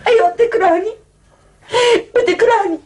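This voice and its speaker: A shrill wailing scheming wife. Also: female voice, a little fast, a little mellow. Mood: wailing hysterical. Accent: Egyptian Arabic.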